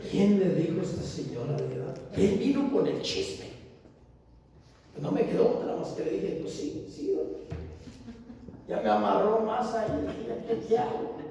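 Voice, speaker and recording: Man, lay missionary sermon, lively storytelling, roomy distant sound, faint background noise. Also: sits high, normal speed. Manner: animated storytelling, acting out dialogue, laughing at himself. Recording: echoey hall recording from far off with faint noise.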